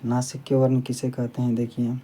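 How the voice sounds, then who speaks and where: A man's voice: medium pitch, moderate pace. A man teaching a grammar lesson to students, explaining steadily and repeating key points so they stick. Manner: plain, steady explaining with frequent "ठीक है". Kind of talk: classroom lesson.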